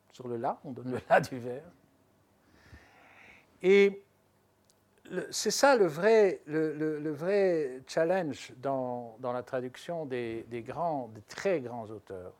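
A man, a literary translator, talking reflectively in an interview, pausing and restarting as he thinks, then pressing hard on key points. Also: mid-range voice. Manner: thoughtful, hesitant restarts, animated emphasis.

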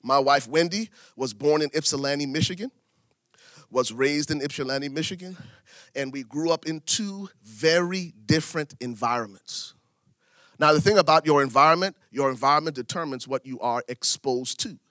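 Liberian-born preacher with a bright, forceful voice. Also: male voice, normal speed, no room sound. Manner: preaching with big swings in pitch and volume, repeating phrases for emphasis. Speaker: pastor. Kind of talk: sermon.

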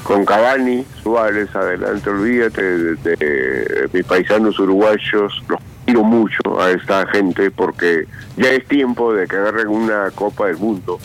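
A man's voice: lowish voice, unhurried, hardly any pauses, soft background music, rough recording. A man born in Puerto Rico calling in to a radio show, chatty and joking with the host. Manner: chatty, jokes and speaks to the host familiarly. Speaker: radio caller. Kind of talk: call-in opinion.

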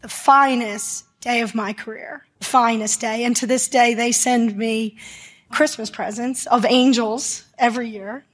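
Woman, emergency doctor, slightly high voice, vivid storyteller who acts out her shouts. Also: fairly even intonation, measured pace. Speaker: emergency physician telling a story. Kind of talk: animated live storytelling.

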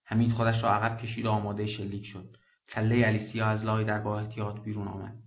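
A man reading a literary story as a radio narrator, measured and deliberate. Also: on the low side, completely flat delivery. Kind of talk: scripted narration.

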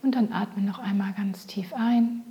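Female meditation guide, gentle spa-like soft whisper, dark mellow timbre, very leisurely pacing. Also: medium pitch. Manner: soft, breathy near-whisper; gentle, soothing, unhurried.

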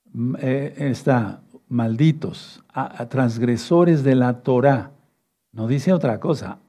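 A male preacher giving a fatherly sermon, reading scripture verses slowly and often checking in with his listeners. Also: medium pitch, mellow. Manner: fatherly, repeats "no, no, no" and asks "¿sí?"; reads verses slowly and rereads them.

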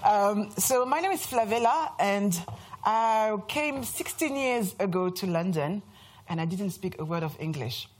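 A French woman in her thirties, from France and speaking with a French accent, gives a chatty, self-mocking presentation to a live audience in an event room. Her medium-pitched voice is animated and unhurried, suiting the lively talk.

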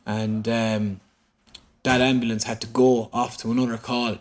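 Speaking at a steady pace with a mid-range male voice, this Irish interview guest recounts something that happened to him. He brings it to life by performing the lines other people said, quoting them with animation.

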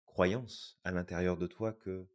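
In reflective podcast talk, a male co-host thinks things through hesitantly, with frequent fillers and restarts. He speaks in a low, steady tone at a measured pace.

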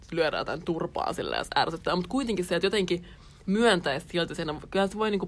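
A young woman co-hosting a conversational podcast. She muses her way through ideas, pausing with fillers as she reflects. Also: lowish voice. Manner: thinking aloud, many fillers, reflective. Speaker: podcast co-host. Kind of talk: casual chat.

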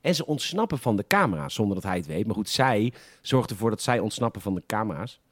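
A man's voice: fairly low pitch, very animated, fast, no room sound, studio quality. A Dutch man co-hosting a podcast, casually retelling film scenes in detail and acting out the characters' quoted lines. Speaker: podcast co-host.

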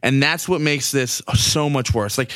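A man's voice: medium pitch, unhurried, fairly bright tone, dry recording. A man ranting in casual, profane sports talk as a podcast co-host. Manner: profane, exasperated fan rant.

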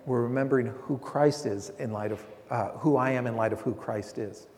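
A man preaching a sermon as pastor, animated and speaking directly to the congregation. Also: medium pitch, moderate pace. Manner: animated preaching, quoting others in voices. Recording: long hall reverb.

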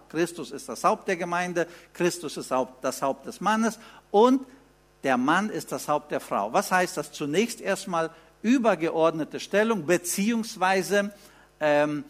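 A man in his fifties preaching a sermon in German, teaching with rhetorical questions and emphatic repeated phrases. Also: fairly high pitch.

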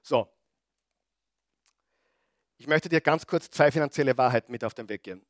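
A man preaching a sermon, throwing rhetorical questions at the congregation and swinging between loud emphatic bursts and quiet asides. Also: medium pitch, normal speed, no echo, clean studio sound. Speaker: pastor.

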